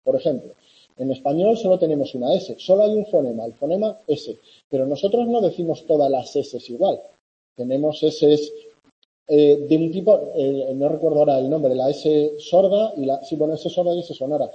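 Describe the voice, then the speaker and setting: Man lecturing a class, slightly high voice. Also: normal speed, mellow, highs cut off. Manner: conversational, with many fillers and "¿vale?" checks. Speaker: university lecturer.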